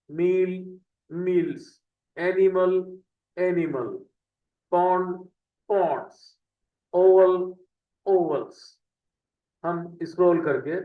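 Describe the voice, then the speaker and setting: A man teaching English, reading word lists aloud slowly and deliberately, word by word. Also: high voice. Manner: slow deliberate word-by-word dictation. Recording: echoey lo-fi room audio, mic at a distance.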